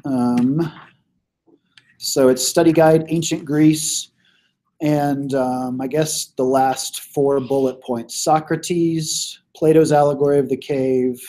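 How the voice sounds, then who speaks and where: A man's voice: medium pitch, steady tone, takes it slowly, warm tone. Man teaching while losing his voice. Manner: casual, many fillers and throat clearing. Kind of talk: classroom review lecture. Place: classroom.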